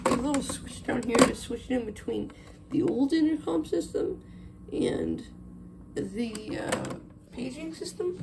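Her voice is high and gravelly, with heavy noise behind it. The video host talks casually off the cuff about her hands-on phone system project, handling gear as she explains, while a handheld phone camera moves about a small indoor room with a wooden floor.

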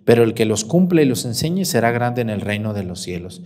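Mexican priest preaching a lively homily. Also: male voice, fairly quick. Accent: Mexican Spanish. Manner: storytelling, asking the congregation questions, quoting people in dialogue; pitch and loudness swing widely as he acts out quotes. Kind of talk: homily to a parish.

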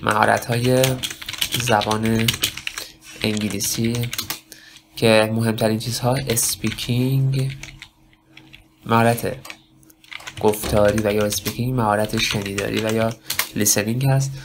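A man teaching a spoken lesson for test preparation, talking slowly in broken phrases and asking himself questions. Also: fairly low pitch, little pitch movement, background noise. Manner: slow, halting delivery with many pauses and self-questions. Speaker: English test prep teacher.

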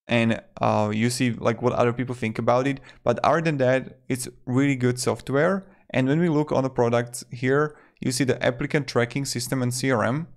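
Close to a desktop mic in a small room, a video host in his twenties narrates a casual, loosely worded review. His mid-range voice stays steady at a normal speed, with hardly any pauses.

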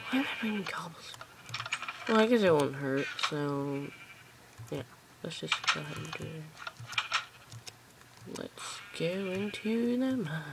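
Recorded at home on a phone camera pointed at a screen, a medium-pitched gameplay host talks casually and rambles to his viewers as he plays. Heavy background noise fills the audio.

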